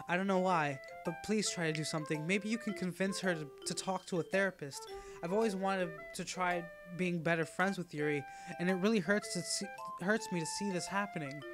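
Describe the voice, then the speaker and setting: A man's voice: sits high, steady tone, a little fast, music in the background, natural voice. A man reading aloud a worried teenage girl's note in a visual novel, pleading and anxious. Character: worried, prickly teenage girl writing a note.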